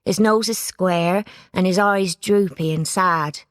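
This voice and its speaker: A woman reading a children's storybook aloud, giving it lively expression. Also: fairly low pitch, slow pace, no room sound, clean studio sound. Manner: lively character voices, plain narration. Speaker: audiobook reader. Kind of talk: storybook narration.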